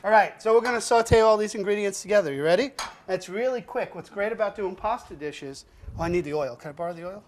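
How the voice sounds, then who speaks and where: Cooking-show host, male, jokey and warm with kids, faint kitchen clatter behind. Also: sits high, fast, a little hiss or hum. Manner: joking, laughs often, talks to a child as "buddy". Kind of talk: teaching kids to cook, playful banter.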